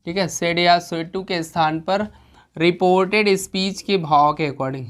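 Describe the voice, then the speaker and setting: A woman's voice: lowish voice, measured pace. A woman teaching an exam-prep grammar lesson, explaining step by step with frequent rhetorical questions and check-ins. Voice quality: clears throat now and then.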